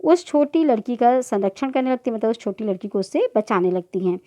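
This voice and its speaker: A woman's voice: a little high, expressive, a little fast, warm tone. A woman teacher reading a children's play aloud to a class, voicing each character's lines in turn. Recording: dull lo-fi recording.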